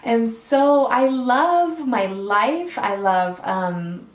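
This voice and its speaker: A woman's voice: on the high side, lively intonation, drawn-out words. A woman in her thirties chatting casually to camera as a vlogger, earnest and rambling with frequent ums and restarts. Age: 30s. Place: indoors in a borrowed home. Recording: roomy sound from a distant mic.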